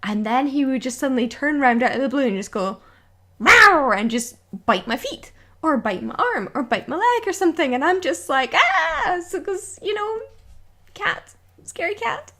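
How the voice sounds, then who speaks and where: A young woman chatting casually as a vlogger, telling a story and acting out quotes. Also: fairly quick. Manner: animated, acts out quotes with sudden high squeals.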